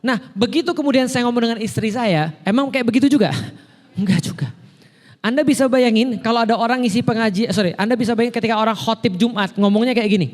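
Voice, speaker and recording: A male preacher with a notably high voice talks to his congregation in an easy, conversational style. He often asks a question and then answers it himself. His voice trails off in a long hall reverb. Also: quick pace. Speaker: Islamic preacher. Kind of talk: casual religious talk to a congregation.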